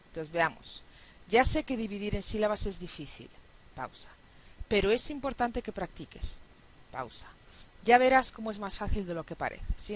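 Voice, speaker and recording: A woman teaching a phonetics lesson, explaining step by step and often checking understanding with a quick question. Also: medium pitch, a little hiss or hum, low-quality recording. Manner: counts syllables aloud slowly. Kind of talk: recorded classroom lecture.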